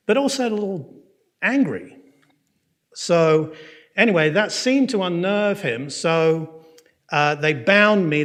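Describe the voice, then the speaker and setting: A man with an English accent teaching a Bible course. He tells a personal story in a conversational way, checks in with his listeners and speeds up and slows down as he goes. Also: on the high side, fairly bright tone. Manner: frequent fillers and restarts, pace swinging quick and slow. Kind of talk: lecture with personal testimony.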